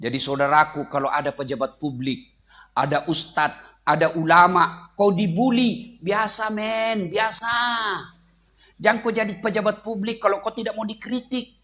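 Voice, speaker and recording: A man's voice: high-pitched, fairly even intonation, moderate pace, pushed and bright. A man with a Makassar accent preaching a humorous sermon, joking and addressing the audience directly. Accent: Makassar Indonesian.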